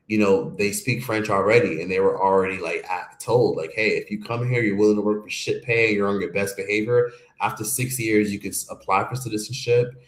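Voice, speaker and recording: A man talks straight to his stream audience in a casual, emphatic monologue, swearing freely and rambling from point to point. His voice sits on the low side. The room around him is echoey, as from a home streaming setup. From United States. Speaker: streamer host. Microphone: streaming microphone.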